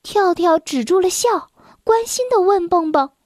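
A woman reads a bedtime storybook aloud in a gentle way, her voice very high and her pace slow. The sound is close and dry, with no room around it. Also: expressive, dry recording. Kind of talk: children's storybook narration.

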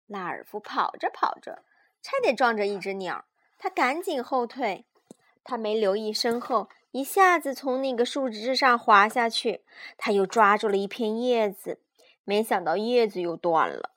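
A young mother reading a picture book aloud to her child at bedtime, patient and animated. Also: medium pitch, moderate pace. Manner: gentle, patient, animated storyteller.

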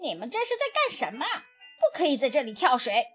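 A woman voicing a bossy, self-important duck who guards a pond and shouts orders in a picture-book reading. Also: high voice, huge pitch swings, a little fast, husky, soft background music, exaggerated voice. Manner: loud scolding commands.

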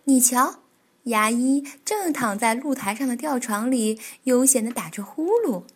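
A woman reading a children's picture book aloud as a storyteller, animated and expressive. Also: fairly high pitch, measured pace, breathy edge.

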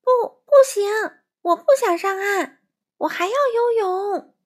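A woman voicing a small, scared young male frog who cries out and pleads in a shrill voice. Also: fairly even intonation, slow pace, a bit bright. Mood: shrill insistent.

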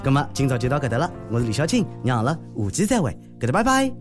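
A man's voice: medium pitch, big pitch swings, fast, over music. A man with a Shanghai accent hosting a podcast, giving humorous news commentary in a joking, teasing manner. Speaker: host of a comedy news podcast.

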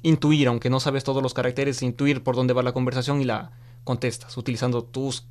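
Hombre joven ecuatoriano, charla relajada. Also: male voice, medium pitch, a little fast. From Ecuador. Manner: relaxed, chatty, laughs easily. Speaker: interview guest, student of Chinese. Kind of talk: casual interview conversation.

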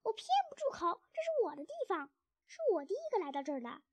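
A woman doing a shrill, screeching rat. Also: sing-song, darkish tone, heavily acted. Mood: shrieking. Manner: screeching, rapid, territorial. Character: shrill bossy drunken rat, male, small. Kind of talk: storybook reading.

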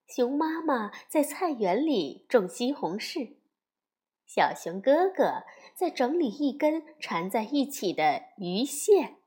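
Slow expressive woman reading a storybook. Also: on the high side, breathy edge.

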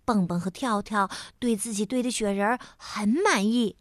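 A woman storyteller slowly and expressively narrating a children's story on a close mic. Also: medium pitch, no room sound. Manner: slow, expressive, warm storyteller tone.

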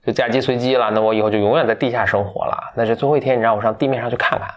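A man voicing the tiny fairy-tale girl Thumbelina in a casual retelling, soft and hesitant. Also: medium pitch, steady tone, rapid-fire, close to an everyday voice. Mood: wistful.

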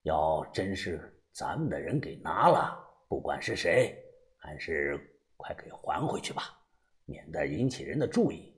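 A man voicing a calm older uncle in an audiobook, speaking low and quietly to smooth things over. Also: unhurried, heavily acted. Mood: placating. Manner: hushed, low, placating. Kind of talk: audiobook character voice.

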